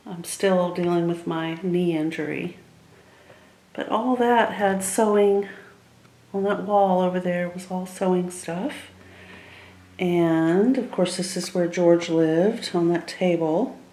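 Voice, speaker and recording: Woman, unhurried pace, casual rambling vlog chat, informal, echoey empty room. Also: fairly low pitch, steady tone, mellow. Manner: rambling, informal, addresses viewers directly. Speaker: vlogger. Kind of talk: casual chatty home vlog. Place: indoors, emptied rooms of a house.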